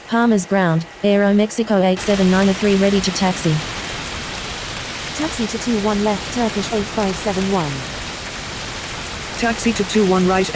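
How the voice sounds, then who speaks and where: Loud radio hiss surrounds a woman playing an airline pilot in a flight simulator game. She gives businesslike, clipped read-backs over the radio in a mid-range voice. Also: medium pitch. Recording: loud hissing radio static.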